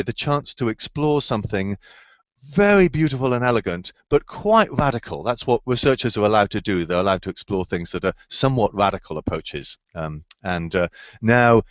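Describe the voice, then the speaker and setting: Over slightly dull, dry video-call audio with no room sound, a low-voiced man gives explanatory answers to students. His enthusiasm shows, though he often stumbles for words with fillers and restarts.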